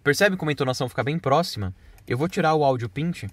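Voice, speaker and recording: A man's voice: a little high, expressive, quick pace. A man explaining video editing step by step in a casual screen-recorded tutorial.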